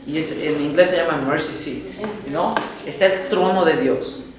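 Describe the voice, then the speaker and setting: A man preaching a sermon, telling a story with dramatic swings between loud exclamations and hushed tones. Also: fairly high pitch, unhurried, distant mic. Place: large echoey church hall. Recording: very echoey hall, faint noise.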